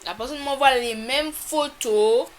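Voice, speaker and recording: A woman telling a storytime to her camera in a casual, animated, exasperated way, with sudden loud jumps in pitch. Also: measured pace, slight background noise. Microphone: camera mic.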